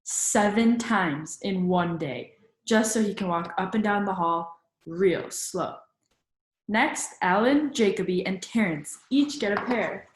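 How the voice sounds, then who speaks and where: This is a storybook read-aloud in which a woman, teacher-style, asks young listeners questions to draw them into the story. Her medium-pitched voice is expressive, and the recording is roomy and rough.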